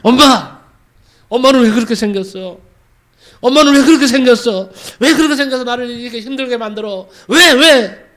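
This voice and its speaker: A man's voice: high voice, animated, moderate pace, long pauses. A pastor voicing a crying, resentful schoolgirl. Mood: pleading, tearful. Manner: pleading, sobbing shouts. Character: young schoolgirl, crying and resentful toward her mother.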